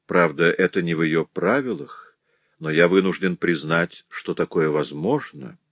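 A man's voice: sits low, very animated, measured pace, vocal fry, no echo, highs cut off, full character voice. A man voicing a prudish, fussy middle-aged porter who frets aloud and protests indignantly, in a storybook reading. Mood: fretful musing. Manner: indignant, fretful muttering to himself. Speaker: concierge.

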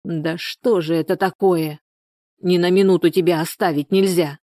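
A woman's voice: lowish voice, steady tone, normal speed, warm tone, no room sound, clean studio sound, lightly acted. A woman reading a storybook, voicing a stern, worried village grandmother who scolds.

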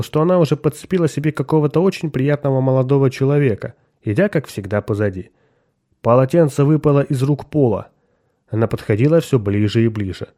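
Expressive male audiobook narrator, mellow tone. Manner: expressive storytelling, shifting pitch for characters. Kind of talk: scripted narration with voiced dialogue.

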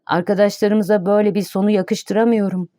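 A woman's voice: medium pitch, level tone, fairly quick, dark tone, no room sound, clean studio sound, close to an everyday voice. A woman reading the lines of an earnest, worried man on a rescue ship in a storybook. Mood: sad.

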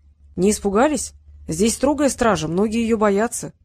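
A woman voicing a polite, gentle young male sultan in an audiobook, soft-spoken and courteous. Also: medium pitch, expressive, normal speed, no room sound, natural voice.

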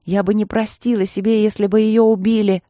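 A woman voicing a defiant young woman of twenty-three, snapping back in a hoarse voice. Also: mid-range voice, little pitch movement, brisk, warm tone, no room sound, studio quality, pitched above the performer's own voice, natural voice.

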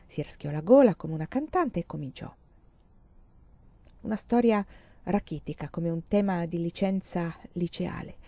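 A woman reading a novel aloud in a calm, measured way, on a dull lo-fi recording. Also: fairly low pitch, no echo. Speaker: audiobook reader.

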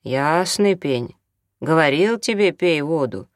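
A man's voice: on the high side, expressive, takes it slowly, no echo, studio quality. A man reading an audiobook, voicing a brash, hard-drinking doctor who jokes and orders people about. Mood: offhand. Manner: jokey, bossy, offhand.

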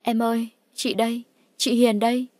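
A woman's voice: on the high side, flat delivery, moderate pace, darkish tone, no echo, voice pushed up, close to an everyday voice. Woman reading a despairing, sobbing young older sister on the phone, dry voice. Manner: sobbing, pleading.

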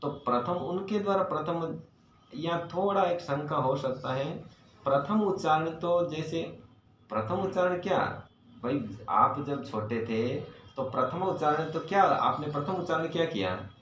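A man lectures on Sanskrit grammar in a classroom, his voice a little higher than most men's. He explains patiently, puts questions to his students and recites verses slowly. The recording is muffled and lo-fi, with the room's echo clearly audible. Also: lively intonation, a bit bright, a little hiss or hum. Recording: echoey, dull lo-fi room recording.

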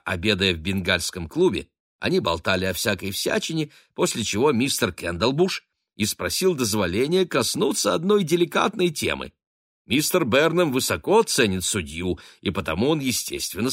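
A man's voice: on the low side, very animated, normal speed, a bit bright, no room sound, clean studio sound, exaggerated voice. A man voicing a gushing, teasing middle-aged lady of the house who fusses over her ward. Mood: excited gushing. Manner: effusive, fussy, teasing.

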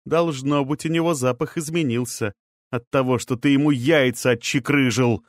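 A man voicing an angry, distraught grown woman in an audiobook, his voice raised higher and sharp. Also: normal speed, no room sound, studio quality, natural voice. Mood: furious. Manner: sharp, furious, breaking off.

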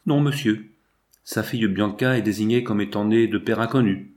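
A man's voice: fairly low pitch, moderate pace, darkish tone, close to an everyday voice. A man voicing a sly, insistent male business agent in an audiobook, with an eager, self-assured manner. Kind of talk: audiobook character voice.

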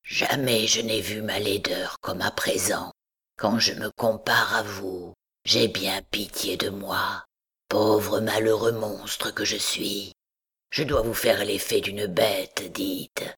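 Woman doing Quasimodo, hushed and sorrowful. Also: extremely low pitch, fairly even intonation, slow pace, voice pushed down, exaggerated voice. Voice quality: rough voice spoken very softly. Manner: hushed, half-whispered pleading. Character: deformed deaf hunchbacked male bell-ringer, timid and sorrowful.

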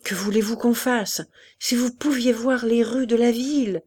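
A woman voicing a discouraged middle-aged manufacturer who speaks in a low, dejected way. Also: fairly even intonation, normal speed, a little mellow, husky.

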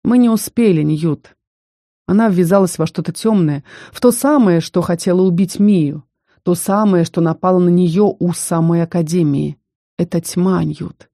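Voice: medium pitch, mellow, no room sound, clean studio sound, close to an everyday voice. A reader voicing a stern, protective young male mage who speaks coldly and firmly in an audiobook. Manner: cold, firm, measured. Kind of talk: audiobook character reading.

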